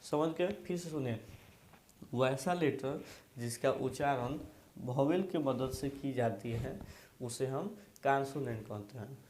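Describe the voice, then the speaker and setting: Slow, repetitive male grammar teacher. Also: medium pitch, darkish tone, slight background noise. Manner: repetitive drilling, quizzing students and having them repeat after him. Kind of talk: classroom lesson explaining grammar. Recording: echoey room.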